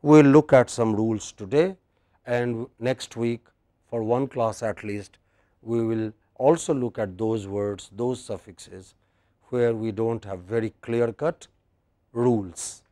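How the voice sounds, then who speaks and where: Guy teaching english pronunciation, real slow and patient, keeps asking okay?, dry close sound. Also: mid-range voice, dark tone, no room sound. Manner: slow, patient, repeats phrases and checks understanding. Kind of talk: classroom lecture with drills.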